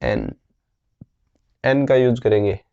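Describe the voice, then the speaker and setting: Slow, patient man teaching grammar. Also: mid-range voice, sing-song, creaky, a little mellow, dull audio. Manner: slow, patient explaining with frequent questions to students. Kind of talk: grammar lesson.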